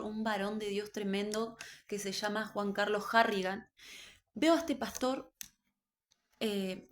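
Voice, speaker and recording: A woman giving an earnest, emotional religious testimony about a vision, told slowly. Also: medium pitch. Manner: earnest, slow, emotional storytelling. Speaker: believer recounting a vision.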